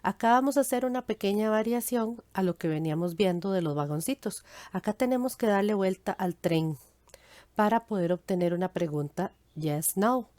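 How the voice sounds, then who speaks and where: A woman English teacher explaining grammar patiently, step by step, saying her English examples slowly and clearly. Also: mid-range voice, lively intonation, darkish tone, no echo. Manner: switches between Spanish and English, speaking English slowly. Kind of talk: recorded grammar lesson.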